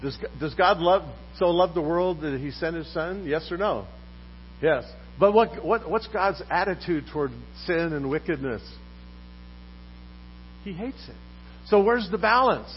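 A man's voice: on the high side, a little slow. A man preaches in a church, his voice swinging up and down as he quizzes the congregation. The recording is dull and a faint electrical hum sits underneath. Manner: lively, poses questions to the congregation. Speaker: pastor. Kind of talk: sermon.

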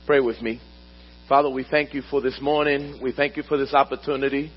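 A man preaching a sermon to his congregation at a pulpit microphone in a church, slowing down to stress key words and calling on the listeners to answer back. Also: medium pitch, flat delivery. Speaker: pastor. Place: church sanctuary. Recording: dull recording with mains hum.

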